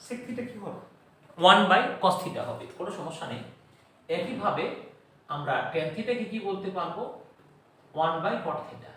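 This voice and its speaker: A man teaching a math lesson slowly and deliberately, repeating memory rhymes for his students. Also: high-pitched, fairly bright tone. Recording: echoey room, voice far from the mic.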